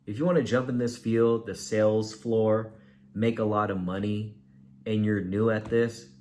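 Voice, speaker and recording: A man speaks casually at home, talking to the camera in a conversational flow. His voice sits a little low for a man. He trips over his words and repeats them as he works through his points. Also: a little mellow, a little hiss or hum. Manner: conversational, loose, with filler and repeats. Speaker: vlogger giving career advice. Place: at home, with laundry machine nearby.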